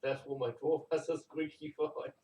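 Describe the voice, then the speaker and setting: A man's voice: a little high, steady tone, moderate pace, warm tone. A man chatting casually with dry jokes from across the room. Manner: dry, joking. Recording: dull, echoey, from far off.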